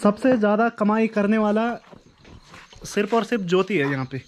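A man's voice: sits high, expressive, normal speed, a little hiss or hum, low-quality recording. A man, vlogging outdoors in hill country near a river, chatty and joking as he talks straight to viewers on a handheld camera. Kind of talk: casual vlog narration.

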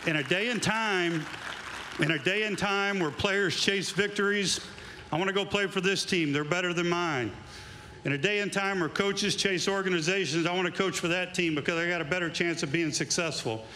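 Speaking with a high, pushed, bright voice at a moderate pace, this middle-aged man, once a coach, delivers an induction speech outdoors at an awards event. He tells homespun stories into a handheld microphone before building to a forceful tribute. The sound is reverberant, with slight background noise.

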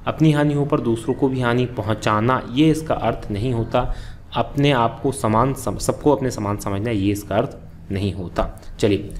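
A man's voice: mid-range voice, darkish tone, slight background noise. A man teaching an exam-prep grammar lesson, explaining step by step and asking and answering his own questions.

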